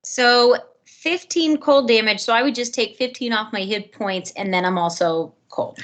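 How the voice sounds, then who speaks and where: Higher-pitched woman at a tabletop game. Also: moderate pace, a bit bright. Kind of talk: casual game chat.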